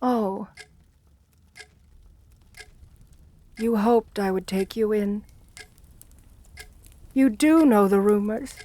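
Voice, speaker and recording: Slow and at a medium pitch, this woman plays a menacing, seductive, assertive aristocratic countess for ASMR, murmuring softly and calling the listener by coaxing, condescending pet names. The acting is light, and the mood is one of being taken aback.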